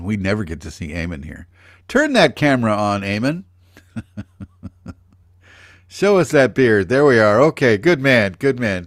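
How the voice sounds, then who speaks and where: An older man gives a rambling, conversational spiritual teaching over a video call, addressing viewers by name. His medium-pitched voice comes through dry and clean, with studio-quality sound.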